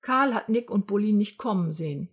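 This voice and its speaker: Husky woman reading a children's story. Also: medium pitch, a little fast. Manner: lively, expressive storytelling. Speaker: narrator. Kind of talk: children's story read-aloud.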